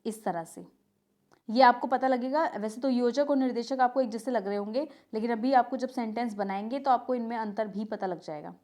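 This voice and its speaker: A woman teaches a grammar lesson to exam students, narrating over a shared screen in a slightly high, a little mellow voice at a fairly quick pace. She repeats key terms as questions, answers them herself, and says "ठीक है" often.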